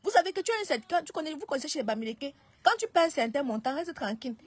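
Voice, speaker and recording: A woman's voice: high voice, expressive, rapid-fire, no room sound. A woman talking on a live stream, hesitant, often restarting and pleading. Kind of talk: casual live-stream talk.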